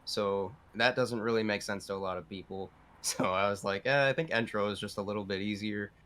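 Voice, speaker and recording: Bright-voiced laid-back young man. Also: on the low side, steady tone, fairly quick. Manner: laid-back, hesitant with many ums. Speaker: guest music artist. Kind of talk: casual podcast chat.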